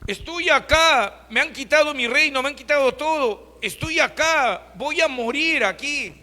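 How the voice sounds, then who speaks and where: A broken captive king cries out in anguish, as a preacher acts him out, his voice strained and pitched high with despair. Each plea for mercy echoes through a reverberant hall, bright and sharp. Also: a little slow, full character voice. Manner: pleading, crying out.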